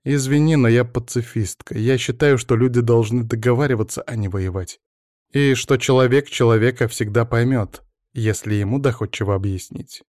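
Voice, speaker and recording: A man reading an audiobook, voicing a sharp-tongued educated young woman who questions her estranged husband reproachfully. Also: mid-range voice, normal speed, dry recording, clean studio sound, lightly acted. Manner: reproachful, probing.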